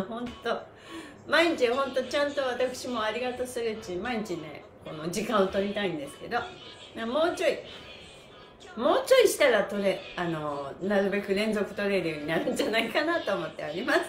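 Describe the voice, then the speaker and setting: In a sing-song, medium-pitched voice at normal speed, a woman leads viewers through live stretches over faint music, chanting counts and chatting. She's upbeat, encouraging, and quick to laugh, and the recording has roomy echo with faint background noise.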